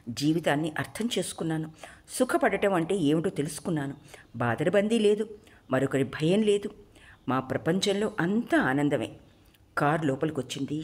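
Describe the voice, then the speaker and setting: A woman storyteller reading a short story aloud in an expressive way. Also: lowish voice.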